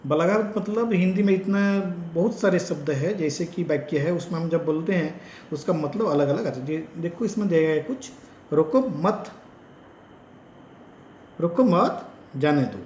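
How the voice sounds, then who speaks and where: A man who trains teachers gives a slow lecture in Hindi with an Odia-influenced accent and repeats example sentences with stress. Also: on the high side, darkish tone, reverberant, slight background noise. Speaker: teacher educator.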